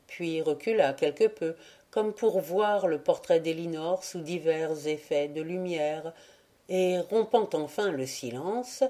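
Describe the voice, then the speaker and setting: A woman reading a classic tale aloud as an audiobook narrator, measured and lightly voicing the characters. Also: sits low, mellow. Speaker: audiobook reader.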